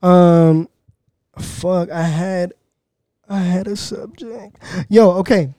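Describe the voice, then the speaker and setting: A man's voice: high-pitched, takes it slowly, dark tone, no room sound, clean studio sound. A young man as a guest on a podcast, talking in a laid-back way in casual chat, laughing and often restarting his sentences.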